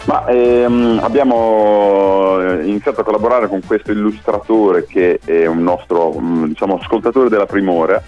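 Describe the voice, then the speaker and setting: A man's voice: lowish voice, fairly even intonation, normal speed, hardly any pauses, faint music behind. A man speaking over a phone line from his home kitchen, a musician guest talking in a hesitant way with many fillers. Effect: heard over a phone line. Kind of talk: casual interview chat.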